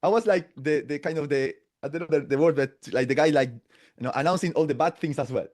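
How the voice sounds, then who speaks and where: A Latin American podcast guest in his 40s, a native Spanish speaker, tells stories in a casual interview. His voice is somewhat high and a little mellow, and he's chatty but halting, restarting often and tagging phrases with "no?" and "right?".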